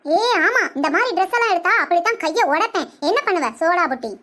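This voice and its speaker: A woman voicing a sharp-tongued, boastful older aunt in a comedic cartoon, scolding and quick with insults. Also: very high voice, animated. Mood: brash, scolding.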